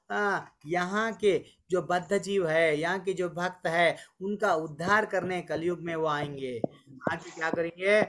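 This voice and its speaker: High, bright-voiced man teaching scripture. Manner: storytelling, voices quotes of deities and sages; chants verses slowly. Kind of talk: online scripture class. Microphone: online call.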